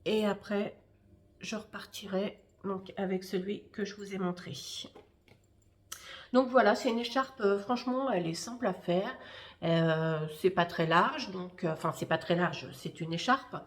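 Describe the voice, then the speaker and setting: A woman's voice: mid-range voice, unhurried. A woman hosting a knitting podcast, chatting casually and hesitantly with many fillers while showing her work. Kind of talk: casual show-and-tell chat.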